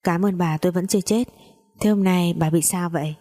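Woman reads a scolding storybook mother, biting sarcasm, mellow low tone. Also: fairly even intonation, fairly quick, lightly acted. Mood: sarcastic. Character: sharp-tongued scolding mother.

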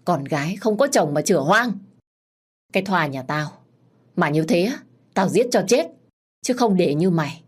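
A woman reading a story, voicing a spiteful elderly female noodle-seller who scolds in a shrill, scornful manner. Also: lively intonation, moderate pace, pauses often, slightly rough. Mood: berating.

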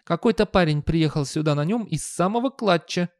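A man voicing a skinny young male assistant, speaking in a high squeaky voice, calm and matter-of-fact. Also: a little fast, no room sound, clean studio sound, lightly acted. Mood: deadpan.

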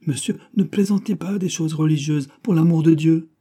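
A man's voice: fairly high pitch, moderate pace, warm tone, slightly rough, voice pushed up. A man voicing a pious, fussy old sacristan turned schoolmaster, with a fat, fluty voice and a prim, scolding manner. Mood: indignant.

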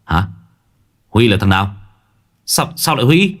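A man's voice: lowish voice, very animated, measured pace, loud music behind the voice. A man voicing an earnest young male sorcerer who gets flustered.

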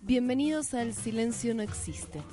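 A woman hosting a radio art show, reading a literary text slowly and reflectively, asking and answering her own questions. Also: fairly high pitch, dark tone, soft background music.

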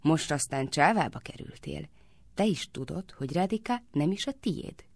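Woman voicing a sharp-tongued bossy young girl. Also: low-pitched, animated, gravelly, no echo, full character voice. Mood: scolding. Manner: scolding, brisk.

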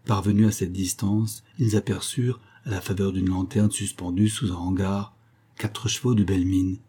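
A man reading a classic novel aloud in measured, even scripted narration. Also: low-pitched, slightly rough. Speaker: audiobook reader.

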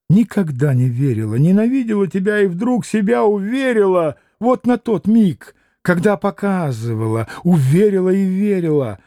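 A man's voice: a little high, warm tone, no echo, clean studio sound, natural voice. A man reading as an anguished proud young woman.

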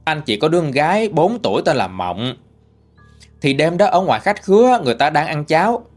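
A man with a Southern Vietnamese accent narrates a ghost story in a casual, conversational manner. His pitch moves animatedly through the telling, and soft music plays faintly behind him. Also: sing-song, a little fast.

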